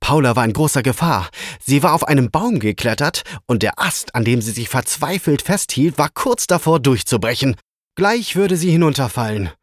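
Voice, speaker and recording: A man reading a children's story aloud in a lively, expressive way. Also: medium pitch, moderate pace, dry recording, clean studio sound.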